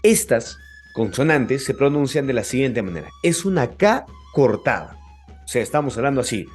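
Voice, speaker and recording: A man teaching a pronunciation lesson, repeating each example word slowly and clearly. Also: medium pitch, big pitch swings, soft background music. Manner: slow, drawn-out repetition of example words. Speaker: language teacher.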